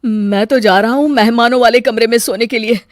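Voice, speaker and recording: A woman's voice: a little high, steady tone, fairly quick, no room sound, clean studio sound, lightly acted. A woman voicing a bewildered young adult son in a cartoon, yelping and complaining. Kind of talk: cartoon dubbing.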